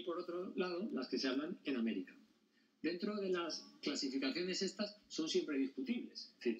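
A male teacher explains a lesson to his class and keeps checking whether the students follow. He is heard across the classroom, and the sound is dull and lo-fi. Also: medium pitch. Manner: explanatory, often checks understanding with questions. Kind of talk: classroom lecture. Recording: dull sound, mic at a distance.

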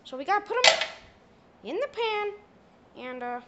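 A man's voice: big pitch swings, unhurried, lo-fi sound, heavy background noise, exaggerated voice. A young man voicing Mickey Mouse as a crude, bumbling cook in a comedy skit with a plush toy. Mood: goofy. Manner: high squeaky put-on voice, swearing, drawling.

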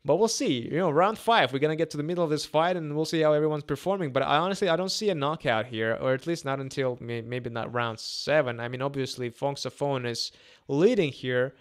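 Casting: male fight commentator, twenties, slightly high voice, native Russian with a Russian accent, casual and repetitive, close podcast mic. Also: brisk. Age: 20s. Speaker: boxing commentator. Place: small indoor room. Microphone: close podcast microphone on a boom arm.

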